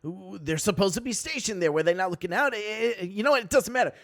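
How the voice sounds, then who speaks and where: A man's voice: high-pitched, animated, fast, noisy background, voice pushed up. A man voicing a blustering male goblin guard in armor who barks orders during a tabletop game. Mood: suspicious.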